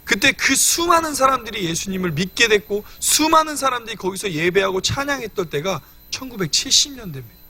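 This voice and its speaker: A young male preacher delivers a midweek sermon, explaining scripture in an earnest teaching manner and speaking straight to his listeners. His voice sits high and bright, and his pitch rises and falls in animated swings. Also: fairly quick, hardly any pauses. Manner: earnest teaching, addresses congregation directly. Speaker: evangelist preaching.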